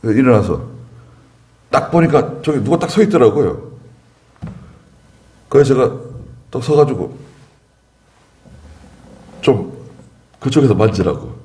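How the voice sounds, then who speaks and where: A man's voice: medium pitch, big pitch swings, a little slow, long pauses, warm tone. A male pastor preaching a sermon in church, telling stories with chuckling asides. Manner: anecdotal storytelling, chuckling asides.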